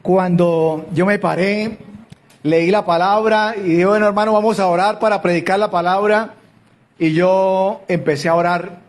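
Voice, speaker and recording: A man's voice: high-pitched, steady tone, a little slow. A man preaching a sermon, telling a story with earnest repetition and fervent quoted prayers. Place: church sanctuary.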